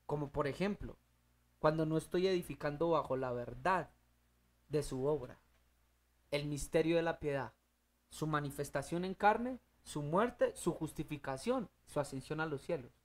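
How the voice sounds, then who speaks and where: A Bible teacher leading a study group, emphatic, putting questions to the audience and answering them, with loud rising bursts. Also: mid-range voice, normal speed.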